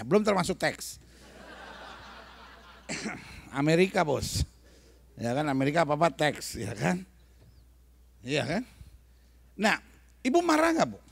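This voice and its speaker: A male preacher delivers an animated sermon, throwing questions at his listeners. His voice sits high and swoops widely, with a gravelly edge and a dry, close sound. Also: no room sound. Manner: animated, questioning the audience, mixing in English phrases. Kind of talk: lively sermon to a congregation. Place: church hall.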